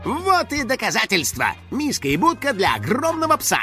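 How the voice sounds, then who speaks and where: A man's voice: high-pitched, huge pitch swings, normal speed, bright, forceful tone, faint music behind, pitched above the performer's own voice, exaggerated voice. A man voicing a boastful, bossy little male house-spirit detective who takes himself very seriously. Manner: grandly self-important, bossy exclamations.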